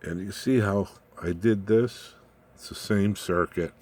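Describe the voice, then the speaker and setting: An electronics hobbyist with a very deep voice gives an informal, hands-on technical demo in a folksy, rambling, plain-spoken way. He's a little slow and a little mellow. Room ambience and clear background noise can be heard.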